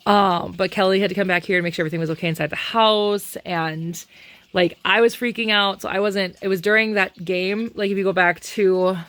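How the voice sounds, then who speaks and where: A woman's voice: medium pitch, fairly even intonation, fairly quick, fairly bright tone. A congested woman talking casually to her vlog camera, rambling with dry sarcastic asides. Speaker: vlogger.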